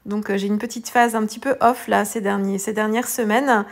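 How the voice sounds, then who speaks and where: Her mid-range, creaky voice stays steady and fairly quick as she talks through her art journaling page in a casual tutorial voice-over. She sounds tired, rambling casually with plenty of hesitations and restarts.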